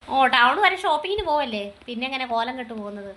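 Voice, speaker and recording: Rapid-talking, high-voiced mother. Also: lively intonation, very noisy. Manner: scolding, brisk and motherly. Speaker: mother in a family skit. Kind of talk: acted family skit.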